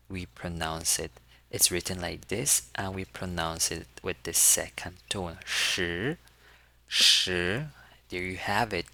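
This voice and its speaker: A man's voice: low-pitched, vocal fry, bright, forceful tone. A man giving a casual lesson, patiently demonstrating and repeating sounds for learners to copy. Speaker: language tutor. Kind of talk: casual teaching walkthrough.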